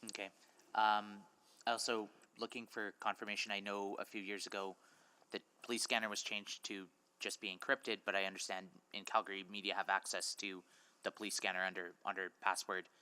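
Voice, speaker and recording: A man city councillor asking halting questions with many pauses at a council meeting in a council chamber. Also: lowish voice, level tone, pushed and bright, clean tone.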